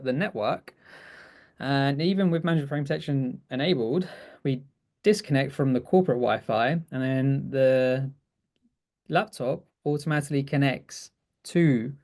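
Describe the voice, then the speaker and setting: Co-hosting a webinar, a man with a mid-range, slightly mellow voice talks loosely through a technical demo. He's chatty, frequently starts over to correct himself, and laughs readily.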